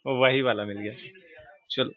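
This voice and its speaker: A man's voice: mid-range voice, fairly even intonation, moderate pace, slight background noise. A male chemistry teacher running a live class. He coaxes students with questions, calls them "beta" and mixes in English terms. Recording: dull lo-fi dry sound.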